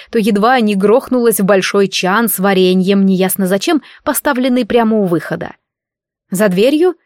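A woman's voice: medium pitch, darkish tone, no room sound. A woman reading a first-person story in a wry, lightly ironic way, close to the mic. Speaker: audiobook narrator. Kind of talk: first-person scripted narration.

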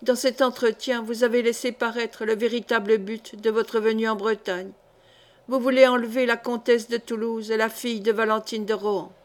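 A proud, commanding countess, cool and dignified with a reproachful edge, as a woman reads her aloud. The voice sits fairly high and measured. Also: level tone, natural voice. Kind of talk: audiobook character reading.

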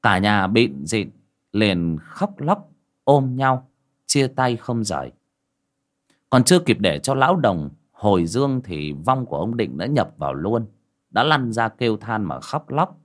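A male audiobook narrator. His intonation is lively and rises and falls as he tells a spooky folk tale. The narration is scripted and steady. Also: fairly low pitch, unhurried. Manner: storytelling with expressive rises and falls.

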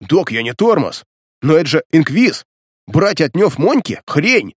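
A man's voice: on the high side, sing-song, a little slow, breathy edge, no room sound, voice pushed up, heavily acted. Guy doing a punk gang boss, blunt slangy talk, dry close sound.

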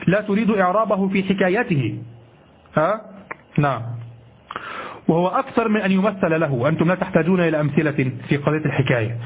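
A man's voice: sits high, slightly rough. A man giving a grammar lecture, repeating his phrases, asking rhetorical questions and checking his listeners with "ha?". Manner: self-correcting, asks rhetorical questions. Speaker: grammar teacher. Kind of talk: classroom lecture on Arabic grammar. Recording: tinny lo-fi phone-like recording.

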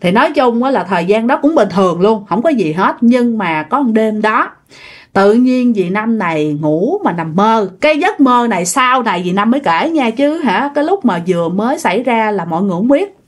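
A woman's voice: fairly high pitch, animated, normal speed. Chatty woman storyteller. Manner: chatty, talks straight to listeners. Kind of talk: casual ghost-story telling.

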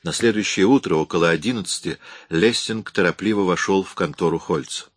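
A man narrating an audiobook in an even, measured storytelling manner. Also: sits low, breathy edge, no echo. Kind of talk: scripted narration.

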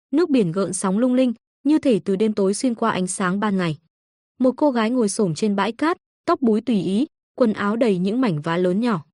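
A woman reading an audiobook story in a steady scripted narration. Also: mid-range voice, dry recording, studio quality.

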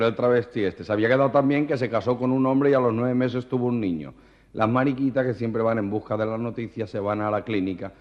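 This is a man telling jokes in a lively way. He is a stand-up comedian on an old recording. The sound is a dull cassette with a long, roomy echo. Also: medium pitch. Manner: lively joke telling with voices. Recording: muffled reverberant old cassette.

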